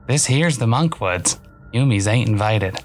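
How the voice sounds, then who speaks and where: A man's voice: mid-range voice, expressive, a little slow, faint music behind, pitched above the performer's own voice. Man putting on a sly menacing weasel creature. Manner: threatening, slangy drawl. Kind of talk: audiobook narration.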